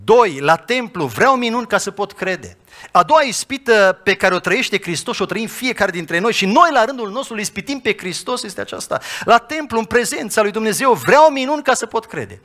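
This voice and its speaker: A man preaches in speech, his voice bright and forceful and pitched a little high. He moves from loud, lifted appeals down to quiet, low asides as he acts out quoted voices. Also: sing-song. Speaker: pastor. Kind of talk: sermon.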